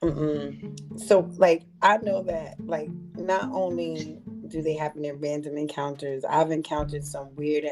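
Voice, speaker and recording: A woman with a low voice is co-hosting a relaxed podcast and talking in a chatty, animated way. She skips from one tangent to the next as she tells her stories, and music plays clearly underneath. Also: unhurried. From California. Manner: animated storyteller, jumps between tangents. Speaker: podcast co-host. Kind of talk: casual chat.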